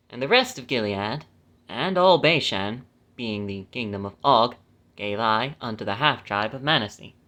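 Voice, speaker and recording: A man reads scripture aloud, breaking off for chatty, self-mocking asides and correcting his own stumbles. His mid-range voice is bright and forceful.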